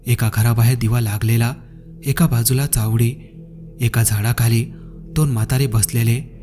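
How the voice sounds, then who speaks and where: A man telling a scripted horror story in short, dramatic phrases with pauses. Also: medium pitch, steady tone, warm tone, faint music behind.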